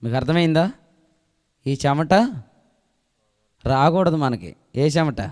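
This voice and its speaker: A man's voice: on the high side, slow pace. Emphatic preaching man, echoing hall. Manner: preaching with rhetorical questions to the congregation; emphatic, swinging between loud declarations and soft asides. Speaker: pastor. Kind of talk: Telugu sermon. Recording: long echo of a hall.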